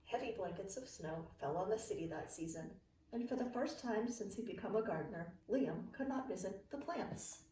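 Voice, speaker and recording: Here a middle-aged teacher of young children performs a storybook read-aloud at a moderate pace and medium pitch. She's highly animated and phrases things clearly, though the mic sits far off in a roomy room with slight background noise.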